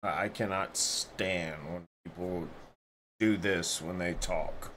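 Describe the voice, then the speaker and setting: Slow, low-voiced blunt man. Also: fairly even intonation, fairly bright tone, slight background noise, rough recording. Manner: blunt, profane, rambling. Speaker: reaction video host. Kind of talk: casual commentary.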